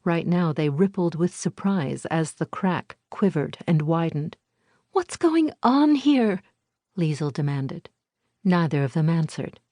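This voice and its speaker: A woman narrating an audiobook with a slightly low, measured voice. She reads with calm, even storytelling. The recording is close-miked and dry. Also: no room sound. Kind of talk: scripted narration. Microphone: close studio mic.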